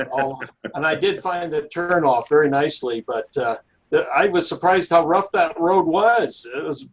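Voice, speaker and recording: A man casually recounting things in a halting way, repeating words as he goes. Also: mid-range voice, rough recording.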